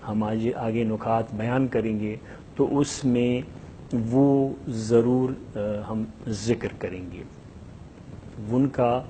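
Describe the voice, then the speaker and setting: A male teacher explains a lesson at a measured pace, drawing out each example phrase so it can be heard clearly. His voice sits in an ordinary middle pitch, and a faint hum runs under the recording. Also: steady tone, dark tone. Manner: slow, drawn-out modelling of example sentences; repeats each sentence with several translations. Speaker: language teacher. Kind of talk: spoken language lesson.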